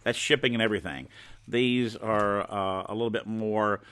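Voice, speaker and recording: A man talking like a folksy home shopping host on a live stream, informally showing and pitching his own products. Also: fairly even intonation, normal speed, a bit bright, clear, resonant tone. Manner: folksy, informal show-and-tell.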